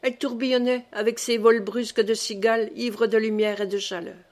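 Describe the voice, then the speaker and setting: A woman reads a classic novel aloud as audiobook narration. Her voice sits somewhat high, and she keeps a measured, even reading pace. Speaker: audiobook reader.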